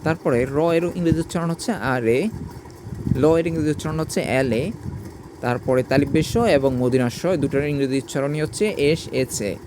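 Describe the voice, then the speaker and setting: A man's voice: fairly high pitch, noisy background. A man teaching English, working through a pronunciation lesson in a methodical, letter-by-letter way.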